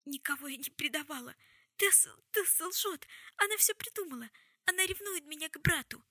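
Lady voicing a weepy young woman, shrill and panicky, crackly edge. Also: lively intonation, a little fast, vocal fry, sharp tone, no echo, studio quality, full character voice. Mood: hysterical. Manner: sobbing, shrill, near screaming. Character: hysterical young woman, tearful and pleading.

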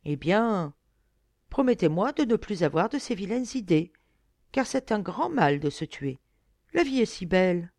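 A woman's voice: medium pitch, big pitch swings, unhurried, a little mellow, dry recording, studio quality. A woman reading aloud, voicing a brave young fisher girl who pleads earnestly. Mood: pleading earnest.

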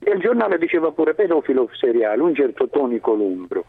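A man's voice: mid-range voice, big pitch swings, fast. A man with a southern Italian, Calabrian accent, calling a radio phone-in over a thin phone line, blunt and insistent as he rambles through his story. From Calabria, southern Italy. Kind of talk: rambling personal story on a live call. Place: balcony, over the telephone. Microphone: telephone.

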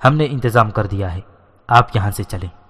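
Man reading as a calm, coaxing young prince. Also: fairly low pitch. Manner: soothing, coaxing. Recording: long hall reverb.

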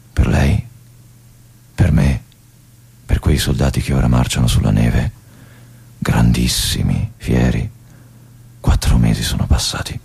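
An actor performing a stage monologue as a restless young army lieutenant stuck in a remote fortress. His husky voice often drops to a whisper. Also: rumbling low, full character voice. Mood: melancholy. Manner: introspective, swings between hushed musing and agitated outbursts. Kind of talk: theatrical monologue broadcast on radio.

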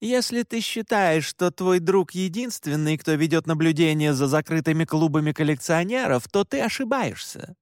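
A man's voice: a little high, lively intonation, moderate pace, hardly any pauses, dry recording, studio quality, lightly acted. Man voicing a stern, commanding mother. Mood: cold, intent. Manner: harsh, commanding. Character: stern, furious mother, middle-aged woman.

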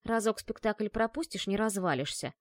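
A woman voicing a hot-tempered young woman inventor who bursts out in shrill, indignant lines. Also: normal speed, close to an everyday voice. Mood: sarcastic.

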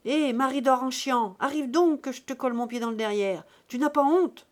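A woman voicing a crude peasant wife yelling at her sister. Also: high voice, moderate pace, pitched above the performer's own voice, close to an everyday voice. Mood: scolding. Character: coarse scolding peasant wife.

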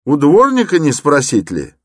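Man playing an excitable young student, urgent, pitched up, dry audiobook read. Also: moderate pace, dry recording. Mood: excited. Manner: urgent, insistent, explaining.

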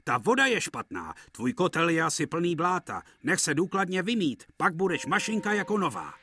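A man's voice: fairly high pitch, big pitch swings, sharp tone, pitched above the performer's own voice, full character voice. A man voicing a hard-working male engine who grumbles and blusters. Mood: grumbling. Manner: complaining, blustery. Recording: clear music behind.

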